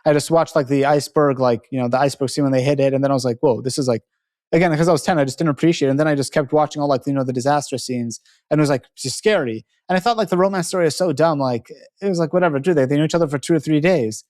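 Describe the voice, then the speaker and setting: A podcast host talks very fast with hardly any pauses, his fairly high voice a little mellow. He rambles casually, correcting himself as he goes and packing his speech with "like" and "you know."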